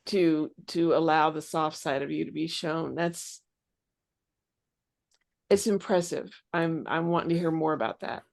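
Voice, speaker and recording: A woman co-host with a lowish voice asks her guest gentle questions. She rephrases her words with care and speaks in a supportive way. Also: fairly even intonation, a little slow, creaky. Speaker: interview co-host. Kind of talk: interview conversation.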